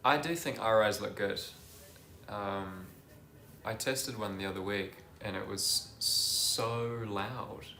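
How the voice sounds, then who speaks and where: A man's voice: on the low side, slow, creaky, bright, forceful tone, reverberant, slight background noise. A man in casual race commentary, easygoing and often hesitant.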